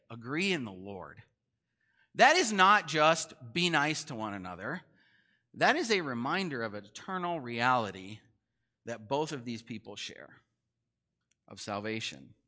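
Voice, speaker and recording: A man's voice: medium pitch, sing-song, normal speed, pushed and bright. A man preaching a sermon as pastor in a conversational way, often asking the congregation questions.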